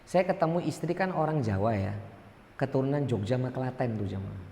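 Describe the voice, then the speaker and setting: With a Medan accent from North Sumatra, an ustadz gives a joking, conversational sermon to his mosque study circle, asking the congregation questions. He talks briskly in a medium-pitched, dark voice with lively intonation and vocal fry, and the large hall adds long reverb along with a little hiss or hum.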